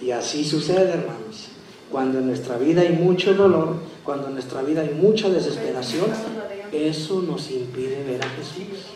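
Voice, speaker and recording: A man's voice: fairly high pitch, moderate pace, recorded from a distance, heavy background noise. Male preacher ringing through an echoey hall. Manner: swings between soft asides and loud emphatic preaching, asks the audience questions.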